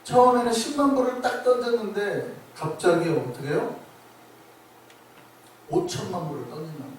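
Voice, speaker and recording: A man's voice: high voice, normal speed, very echoey, a little hiss or hum. A male pastor preaching a sermon emphatically, putting questions to the congregation, recorded from far off in a church sanctuary.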